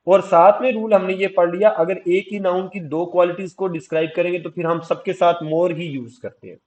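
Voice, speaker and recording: A man from Pakistan with a Pakistani accent, teaching English grammar in an exam-prep lecture. He spells words out letter by letter, calls his students "beta" and reads the English rules slowly. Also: high-pitched, fairly even intonation, darkish tone, lo-fi sound.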